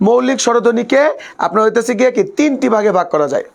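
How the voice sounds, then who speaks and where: A man's voice: very high-pitched, fast, gravelly, lo-fi sound. A man teaching a live online class. He repeats each point several times, leans on a habitual filler phrase, and teases his students playfully between explanations.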